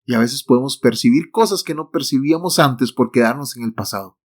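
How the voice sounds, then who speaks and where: A man's voice: medium pitch, a little fast. A man giving a devotional talk to the listener, emphatic and repeating his key phrases. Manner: speaks directly to the listener.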